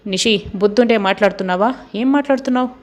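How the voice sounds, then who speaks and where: A woman's voice: medium pitch, rapid-fire, natural voice. A woman voicing a firm, protective young woman who speaks sternly, as dialogue in a serial recap. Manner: stern, warning.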